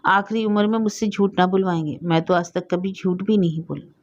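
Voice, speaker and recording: A woman's voice: on the low side, fairly quick, highs cut off, close to an everyday voice. A woman reading as a stubborn grieving old brother. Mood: insistent. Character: aging grief-struck elder brother, stubborn and loving.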